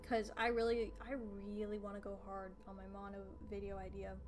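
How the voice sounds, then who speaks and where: Her medium-pitched voice is monotone and moves at normal speed over a noisy background. She's a teenage girl chatting on a livestream from her bedroom via a streaming desk mic, rambling with fillers and giggles as game music plays faintly.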